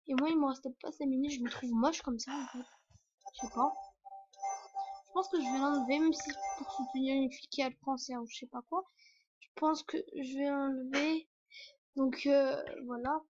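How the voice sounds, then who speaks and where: A woman's voice: high voice, fairly even intonation, moderate pace, darkish tone, soft background music. A young woman vlogging in a rambling, hesitant way, full of fillers and restarts. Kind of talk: casual rambling vlog. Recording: dull lo-fi recording.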